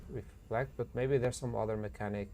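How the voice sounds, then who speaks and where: Streamer type: sleepy man, gravelly tone, musing aloud, drowsy delivery. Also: medium pitch, fairly even intonation, a little fast, dark tone, a little hiss or hum. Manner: drowsy, thinking aloud, often yawning. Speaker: gaming streamer. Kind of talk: casual gameplay commentary.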